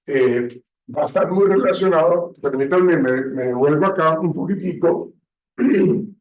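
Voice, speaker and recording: A man teaching a classroom lecture, often pausing to check understanding, recorded from a distance in a classroom. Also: high voice. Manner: slow, checks understanding with frequent "¿sí?". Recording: echoey room, distant mic, dull sound.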